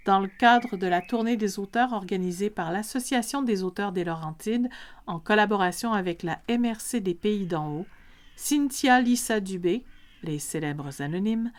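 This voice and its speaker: A woman reading a scripted story as a podcast narrator. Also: medium pitch.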